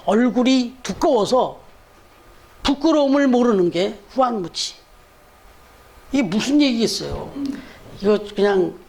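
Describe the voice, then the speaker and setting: A pastor preaching a Sunday sermon in church, talking conversationally and putting rhetorical questions to the congregation. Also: male voice, high voice, gravelly, darkish tone.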